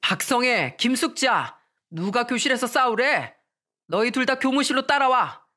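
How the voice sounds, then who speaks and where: A woman's voice: mid-range voice, steady tone, normal speed, fairly bright tone, close to an everyday voice. A woman voicing a stern schoolteacher who scolds two fighting pupils in a commanding tone. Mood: scolding.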